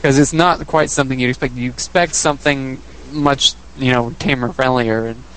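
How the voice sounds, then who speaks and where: A man's voice: mid-range voice, steady tone, normal speed, fairly bright tone, a little hiss or hum, low-quality recording. A man co-hosting a casual podcast discussion about a video game, rambling and often correcting himself. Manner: rambling, self-correcting, chuckling. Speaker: podcast co-host.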